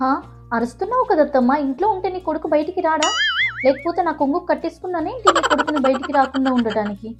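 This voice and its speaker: A woman playing a sassy young daughter-in-law who retorts quickly and lectures in a comedy skit. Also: sits high, animated. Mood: retorting. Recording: dull lo-fi with background music.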